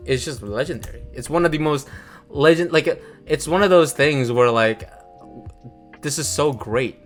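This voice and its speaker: A man's voice: on the high side, moderate pace, soft background music. A man hosting a casual video, rambling and swearing with lots of fillers and restarts. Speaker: anime channel host. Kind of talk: casual ranking commentary.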